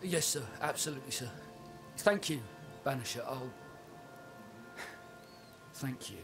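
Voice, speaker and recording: An actor playing a nervous, guilt-ridden village blacksmith in a video game, hesitant, rambling and flustered. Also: male voice, mid-range voice, expressive, measured pace, over music, close to an everyday voice. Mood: grateful, flustered. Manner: hesitant, rambling, flustered, voice leaps when agitated. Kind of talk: dramatic video game acting.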